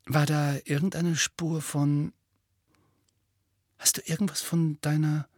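A man voicing an earnest teenage girl witch in an audiobook, speaking softly and hesitantly. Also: fairly high pitch, level tone, slow, dry recording, clean studio sound, pitched above the performer's own voice. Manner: soft, hesitant, careful. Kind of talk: audiobook character voice.

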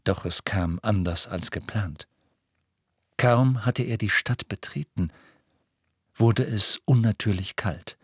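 A man narrating an audiobook with steady, measured storytelling. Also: on the low side, slightly rough, no echo, studio quality. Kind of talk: scripted narration.

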